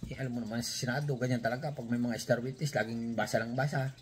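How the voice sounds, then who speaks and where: A man's voice: medium pitch, steady tone, fast, a little hiss or hum. A man from the Philippines hosting his channel, giving casual reaction commentary on a news story in a rambling, chatty way with many hesitations and rhetorical asides. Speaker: channel host.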